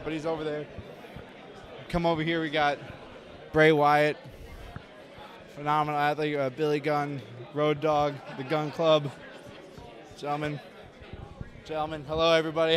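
A man's voice: fairly high pitch, a bit bright. A man in his thirties hosting a casual walking tour of a convention hall, joking and self-deprecating, talking into a handheld mic. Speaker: host. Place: large convention hall indoors.

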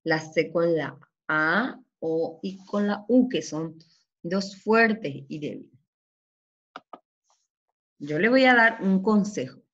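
A woman teacher giving a children's reading lesson, sounding out syllables carefully and often checking in with a quick question. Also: fairly low pitch, lo-fi sound. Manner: slow and deliberate, often checking with "¿sí?".

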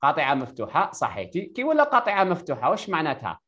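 A man's voice: on the high side, huge pitch swings, sharp tone, highs cut off. A man with an Algerian Arabic accent teaches electronics over a video call at a breakneck clip. His voice leaps up and down as he fires one question after another at his student. He confirms each answer before moving on. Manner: quizzes the student with rapid-fire questions and confirms her answers. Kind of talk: live online tutoring lesson.

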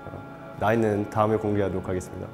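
A man's voice: lowish voice, little pitch movement, racing, over music. A young man, a student, answering briefly and shyly on a dating show. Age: young adult. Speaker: dating contestant. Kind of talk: casual chat.

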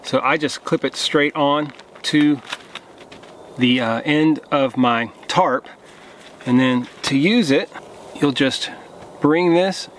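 A man's voice: fairly high pitch, slow pace, pauses often, slight background noise. Man demonstrating camping gear in the woods. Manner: relaxed, hands-on explaining while demonstrating gear. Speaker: outdoor gear vlogger. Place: outdoors in a pine forest.

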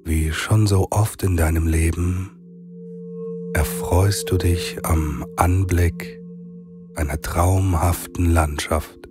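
A man narrating a guided sleep meditation like a soothing sleep-story narrator, with long pauses between phrases. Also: low-pitched, steady tone. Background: meditative singing bowl music.

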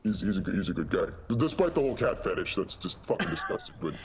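A man playing a laid-back, foul-mouthed demon, chatting in a rambling, deadpan way. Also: deep voice, fast talker, a crowd in the background. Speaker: co-host of a gaming let's play. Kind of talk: casual improvised comic chat. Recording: clear game noise behind the voice. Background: video game sound effects and ambience.

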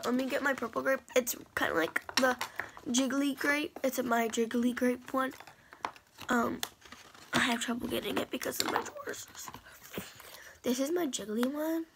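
A woman's voice: high voice, measured pace, long pauses, noisy background. A young woman vlogging casually on a phone at home, boastful and rambling with sass. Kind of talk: casual vlog chat.

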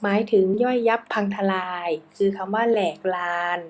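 A woman's voice: mid-range voice, moderate pace, darkish tone. A woman teacher reading out exercise answers item by item, spelling out how each word is pronounced.

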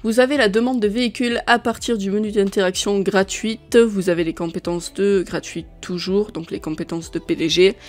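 A woman's voice: medium pitch, fairly even intonation, moderate pace, hardly any pauses. A woman presenting a casual gaming news rundown, listing items in a chatty way with frequent fillers. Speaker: gaming video creator.

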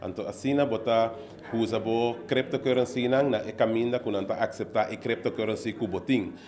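A middle-aged business owner is interviewed for the news in an indoor office at an opening event, speaking into a handheld reporter mic held close. He earnestly explains his business step by step, with many fillers. His mid-range voice is brisk and steady, with a darkish tone.

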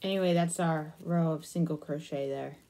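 Low-voiced and warm, with fairly even intonation and a moderate pace, this young crafting vlogger talks through a crochet demo. Tucked in a small attic room, she's absorbed in the work and half speaking to herself.

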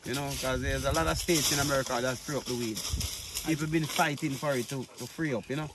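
A middle-aged man with a Jamaican accent, a farmer answering interview questions outdoors in a relaxed, easygoing way. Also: mid-range voice, quick pace, heavy background noise. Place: outdoors on a rural farm.

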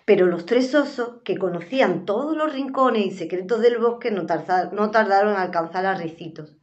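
A woman host reading a children's story aloud, lively and expressive. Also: mid-range voice, normal speed, lo-fi sound.

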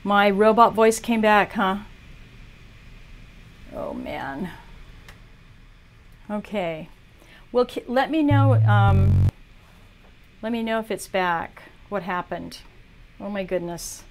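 A woman's voice: mid-range voice, lively intonation, takes it slowly, pauses often, slight background noise. A woman teaching art on a livestream, chatting casually as she talks viewers through a drawing demo. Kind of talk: live demo tutorial.

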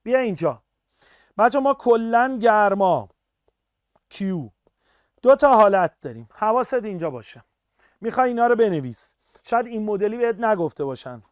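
A man teaching a live online physics class, energetic and upbeat, constantly urging students to answer and praising them. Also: sits high, pauses often, smooth, no echo, clean studio sound.

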